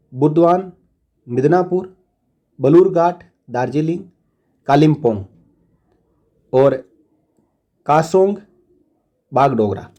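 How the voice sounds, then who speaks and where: A man hosting a channel, reading out a long list of place names at a steady pace and adding short asides in a casual tone. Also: on the high side. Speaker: channel host.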